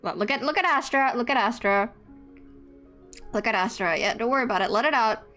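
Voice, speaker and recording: This young adult non-binary streamer, higher-pitched and casual, reacts live with stammered restarts, frequent laughter and free swearing. The delivery is brisk, pushed and bright, with faint music playing behind.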